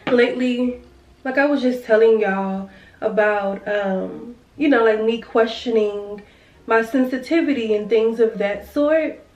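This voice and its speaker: A woman's voice: on the high side, unhurried, a little mellow, lo-fi sound. A young woman chatting to viewers while doing her makeup, heartfelt and casual, calling them girl and y'all. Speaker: beauty vlogger. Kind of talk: casual get-ready-with-me chat. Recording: roomy sound from a distance with faint music.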